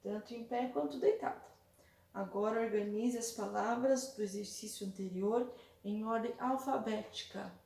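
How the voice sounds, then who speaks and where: A Brazilian woman teacher explaining a workbook to young children, patiently repeating and slowly spelling out examples. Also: fairly high pitch, vocal fry, a little mellow, recorded from a distance. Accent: Brazilian Portuguese. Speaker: primary school teacher. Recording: echoey room, voice set back from mic.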